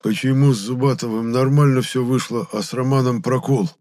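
A man's voice: medium pitch, fairly even intonation, brisk, darkish tone, pitched above the performer's own voice, natural voice. A man voicing a whiny, moaning male spirit stuck inside a rotting corpse, who sometimes bursts into roaring.

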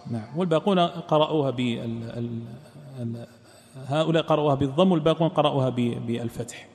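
Fast-talking male teacher in a reverberant hall. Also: darkish tone. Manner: quick, repeats phrases, trails off to a low murmur. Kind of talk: explaining a text line by line.

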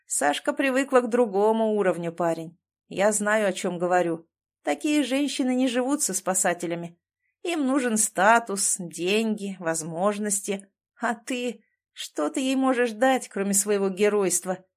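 A woman's voice: mid-range voice, lively intonation, unhurried. A woman voicing an arrogant, threatening rich man in an audiobook, reading his lines in a sneering, taunting way. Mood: mocking.

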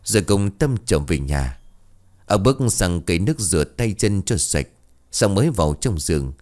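Deep-voiced storyteller. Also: male voice, very animated, normal speed, a little mellow. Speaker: narrator. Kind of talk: ghost story narration.

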